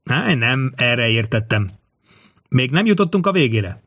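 A man voicing a calm, bold court astrologer who speaks in a solemn, measured way, in a dry close recording. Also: mid-range voice, dry recording. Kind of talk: audiobook character reading.

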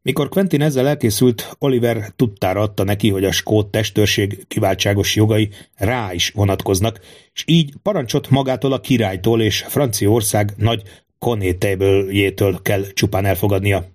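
Male narrator, low voice, measured audiobook storytelling.

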